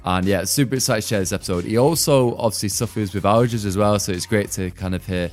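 A man's voice: fairly low pitch, fast talker, faint music behind. A man hosting a podcast casually, often saying "like" and "kind of". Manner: informal, often says "like" and "kind of". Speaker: podcast host.

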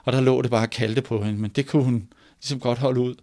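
A man telling a story aloud in a measured, pausing way, moving between hushed and emphatic passages. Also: medium pitch, steady tone. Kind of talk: oral storytelling.

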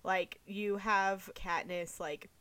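Young woman, casual book podcast, rambling, filler-heavy, mid pitch. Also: fairly even intonation, slow pace, a bit bright, dry recording. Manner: rambling, many "like" fillers, thinks aloud.

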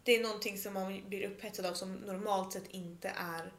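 A woman's voice: mid-range voice, steady tone, roomy sound. A woman co-hosting a casual podcast chat, blunt and teasing with her co-host.

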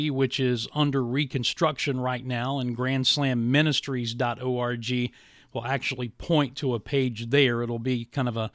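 A man hosting a podcast, talking reflectively and haltingly in a monologue to listeners. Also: medium pitch, a bit bright, no room sound, clean studio sound. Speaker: podcast and radio host. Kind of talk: monologue to listeners, partly scripted ad reads.

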